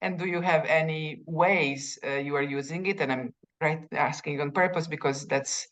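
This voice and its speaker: A woman's voice: deep voice, moderate pace. A woman from Croatia, asking a seminar speaker questions in a thoughtful way with frequent restarts.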